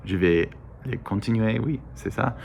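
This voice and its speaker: A man from the United States, a native English speaker with an American accent, talks casually in broken, halting learner's French, hesitating and correcting himself often. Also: lowish voice, gravelly, darkish tone. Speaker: vlogger. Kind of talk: casual monologue to camera.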